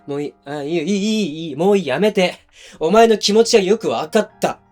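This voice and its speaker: Voicing a hot-tempered, defensive young boyfriend in a voice drama, a man speaks to the listener bluntly and casually through a close binaural mic, sounding hurt and accusing. His voice sits high, brisk and a little mellow with lively intonation, while faint music plays behind.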